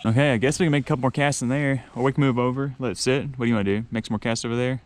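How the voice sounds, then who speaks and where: Racing through his words in a medium-pitched voice, a man in his thirties vlogs his swamp fishing trip from a small boat, captured by a boat-mounted action camera. He's excitable, laughing a lot and repeating himself whenever he hooks a fish.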